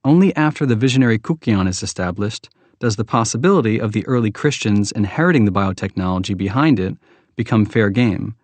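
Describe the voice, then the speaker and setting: A man's voice: lowish voice, lively intonation, brisk, darkish tone, no echo. Man reading a nonfiction book, dry sound. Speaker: audiobook reader.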